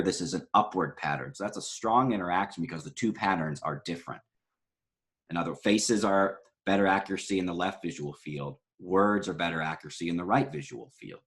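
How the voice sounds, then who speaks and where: A man with a very low voice gives a recorded psychology lecture. He walks through study results casually, with plenty of "um"s and self-corrections. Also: fairly bright tone. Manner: conversational, many fillers and self-corrections.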